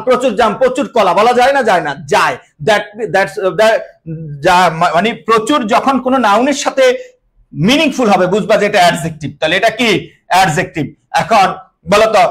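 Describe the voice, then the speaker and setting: High-voiced male teacher. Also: low-quality recording. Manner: lively, asks students questions and answers them himself; mixes English words into his speech. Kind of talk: online class lesson.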